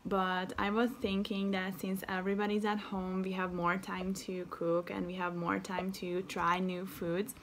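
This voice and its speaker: A woman's voice: mid-range voice, little pitch movement, unhurried, few pauses, fairly bright tone. Young Hungarian-accented woman, cooking vlogger, chatty and enthusiastic, faint noise in a home kitchen. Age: young adult. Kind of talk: casual cooking tutorial.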